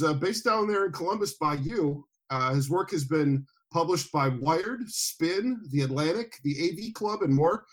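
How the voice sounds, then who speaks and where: A man hosting a podcast from home in a relaxed, chatty way with frequent fillers. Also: fairly high pitch. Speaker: podcast host. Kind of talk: casual podcast chat.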